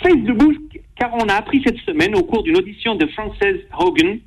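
Middle-aged male doctor-columnist, slightly high, husky, animated ironic delivery. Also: normal speed, rough recording. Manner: long ironic sentences, emphatic rises. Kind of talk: spoken opinion column.

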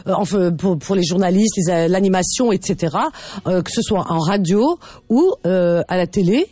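A woman hosting a radio show in casual, chatty banter, expressive and teasing, punctuating her talk with tag words. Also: on the low side, normal speed, breathy edge, no echo. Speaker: radio host. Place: radio studio.

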